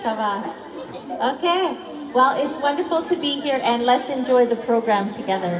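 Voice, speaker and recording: Canadian woman, very slow, foreign-accented in Bengali. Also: a little high, animated, crowd noise. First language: English. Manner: slow, halting, simple learner's Bengali. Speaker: guest speaker at a charity Christmas program. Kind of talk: simple public address, pausing for an interpreter. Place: large echoey room with an audience. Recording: echoey hall, muffled, audience noise behind.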